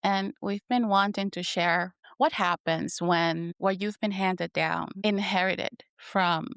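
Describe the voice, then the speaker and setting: A woman's voice: mid-range voice, takes it slowly, smooth, dry recording, studio quality. A woman co-hosting a podcast who opens with a scripted welcome and then interviews her friend, prompting her with encouraging questions.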